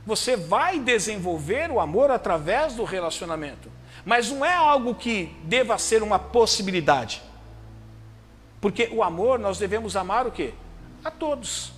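Brazilian pastor guy preaching, high voice that swings all over, soft music under it. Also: sing-song, normal speed, a little hiss or hum. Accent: Brazilian Portuguese. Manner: storytelling, acts out quoted voices, rising emphatic peaks. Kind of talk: sermon. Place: church service.

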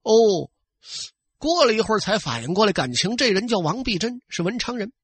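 A man telling a tale in traditional oral storytelling style, lively and conversational, talking straight to his listeners. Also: high-pitched, normal speed, slightly rough, no room sound.

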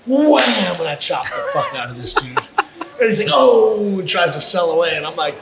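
This podcast guest, a fighter and wrestler, has a voice on the high side and speaks at normal speed in a very noisy recording. His casual storytelling is profane and animated, and he performs the quotes of the people he describes.

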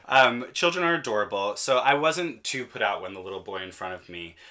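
A man's voice: lowish voice, lively intonation, moderate pace, pushed and bright. A man telling a comic grievance story to friends on a podcast with dry, sardonic, mock-courtroom timing.

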